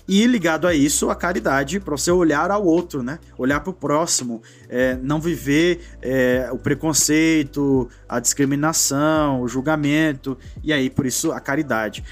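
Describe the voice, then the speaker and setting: A man in his forties with a Brazilian Portuguese accent tells a story on a casual talk show. His voice sits a little high, and he speaks in a reflective way, tagging his sentences with a quick "né". Faint music plays softly behind him. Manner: reflective, often adds "né" and trails off.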